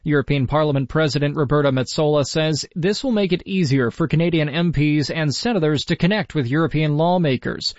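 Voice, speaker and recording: A man with a fairly high voice reads the news in a steady, formal way. It comes through an AM radio broadcast, so the sound is muffled and lo-fi. The delivery is close and dry, with no room echo. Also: fairly quick, few pauses. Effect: heard over AM radio. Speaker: newsreader. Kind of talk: scripted news bulletin.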